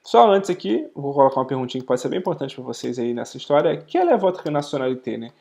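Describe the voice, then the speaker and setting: A man with a Brazilian Portuguese accent teaching a live online French lesson, explaining step by step with frequent "ok?" checks and slowing down to pronounce the French words. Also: medium pitch, sing-song, vocal fry, mellow.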